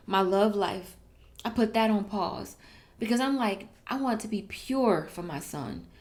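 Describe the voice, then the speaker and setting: A young pregnant woman talking heartfelt and emotional to her viewers in a personal vlog, often saying "you guys" and "literally.". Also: medium pitch. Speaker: vlogger.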